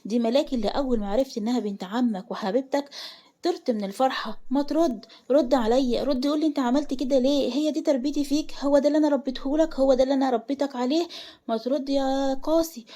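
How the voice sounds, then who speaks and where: A woman voicing a furious older man, the head of the family, who scolds loudly and demands answers in an Egyptian accent. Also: a little high, fast talker, natural voice. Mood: outraged. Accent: Egyptian Arabic.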